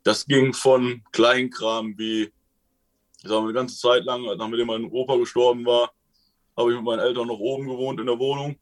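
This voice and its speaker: A man's voice: mid-range voice, flat delivery, normal speed. Rambling, colloquial man telling stories. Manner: rambling and colloquial, often ends with a questioning tag. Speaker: guest telling his experiences. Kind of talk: casual storytelling.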